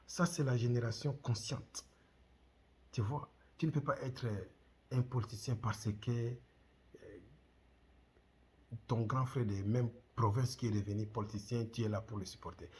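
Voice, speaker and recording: With a husky, darkish, medium-pitched voice, a middle-aged Congolese man addresses the camera on his own channel in Congolese-accented French. His intonation is fairly even and his delivery unhurried with long pauses, but the commentary is passionate and full of repeated rhetorical questions.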